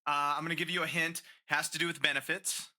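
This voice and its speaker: A man's voice: a little high, fast. A man co-hosting a casual podcast, joking around and running a quiz game in a playful manner. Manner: playful, jokey, lively quiz-host delivery. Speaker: podcast co-host and game show quizmaster. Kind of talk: casual chat.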